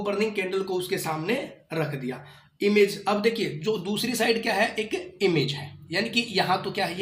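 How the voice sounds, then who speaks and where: A male science teacher explaining a lesson, reading textbook lines slowly and asking the children repeated questions. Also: sits high, fairly bright tone, echoey room.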